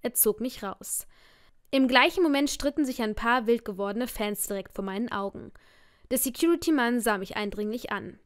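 A woman narrating a romance novel as an audiobook in the first person, with expressive storytelling. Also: fairly high pitch, moderate pace, smooth, no room sound, clean studio sound.

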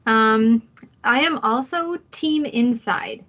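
A woman's voice: fairly high pitch, slow pace, a bit bright. A woman introducing herself on a video call from a home office, light and self-deprecating. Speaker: housing agency staff. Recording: dull lo-fi audio.

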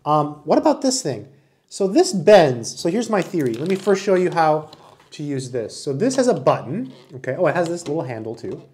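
A man in his forties with a slightly high voice chats through a casual product review. He sounds enthusiastic and hands-on, demonstrating as he talks, recorded close on a camera mic in a small room. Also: sing-song, normal speed, darkish tone. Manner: chatty, enthusiastic, demonstrating while talking. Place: small indoor room with wood-panel wall.

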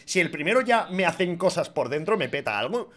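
A man doing crude, joking, excitable reaction commentary on gaming clips. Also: a little high, brisk. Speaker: gaming YouTuber.

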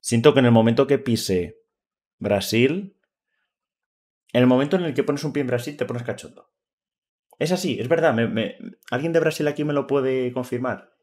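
A man's voice: medium pitch, moderate pace, pauses often. A young man from Spain with a Spanish accent from Spain, hosting a casual, joking reaction video. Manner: excitable, joking, playful.

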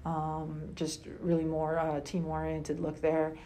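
A woman in her forties, a basketball head coach answering questions at a postgame press conference, speaking in a measured, halting way with many fillers. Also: deep voice, monotone, dark tone. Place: small room indoors at a table.

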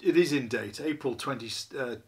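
A man's voice: medium pitch, moderate pace. Chatty beer reviewer in his fifties, rambling and self-mocking, filmed at a living-room table. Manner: chatty, rambling, self-deprecating, many ums and you-knows. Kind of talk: casual beer review to camera. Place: small living room, indoors, seated at a table.

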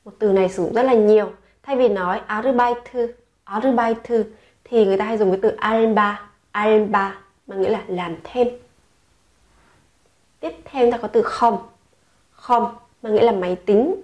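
Woman teaching words, repeating each clearly. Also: mid-range voice, darkish tone, lo-fi sound. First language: Vietnamese. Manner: repeats each word several times, slow and clear. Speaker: Korean language teacher. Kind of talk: explaining vocabulary to learners.

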